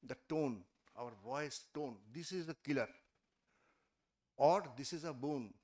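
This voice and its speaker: A man's voice: medium pitch, measured pace, darkish tone. A man giving a classroom lecture on group discussion skills, emphatic, counting off points and checking in with "okay?". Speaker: trainer. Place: college event hall or classroom.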